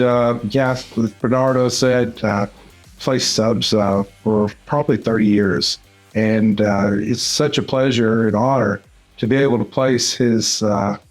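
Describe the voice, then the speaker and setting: An older man from Central Arkansas speaks in a relaxed, unhurried way and fills his pauses with "uh". He talks like a veteran surgeon explaining his field in a podcast interview, with a voice in the middle of the usual male range. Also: mid-range voice. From Central Arkansas, USA. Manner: unhurried, with many "uh" fillers. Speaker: dental surgeon and course mentor.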